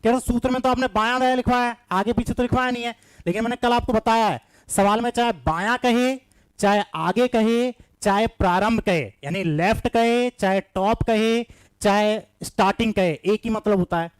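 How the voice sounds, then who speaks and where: Male teacher, high voice, smooth and clear, coaxing, repeats himself, live class. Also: normal speed, dry recording. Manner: coaxing, repetitive, reads out students' answers by name. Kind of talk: live online maths reasoning class.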